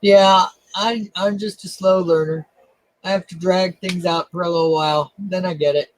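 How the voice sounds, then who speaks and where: A man hosting a casual coin live stream, talking in a halting, self-deprecating way with lots of fillers. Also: sits high, steady tone, poor audio. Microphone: webcam.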